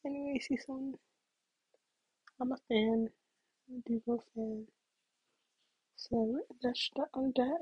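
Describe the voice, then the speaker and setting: A woman's voice: high voice, fairly even intonation, slow, pauses often, darkish tone, breathy edge, no echo, dull audio. A young woman telling a casual story to camera, chatty and full of "like", sometimes dropping into whispers. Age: young adult. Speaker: vlogger.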